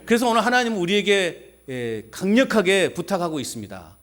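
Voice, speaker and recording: Brisk and high-pitched, a man preaches as pastor with plenty of energy. He fires off folksy rhetorical questions and engages the congregation in call-and-response.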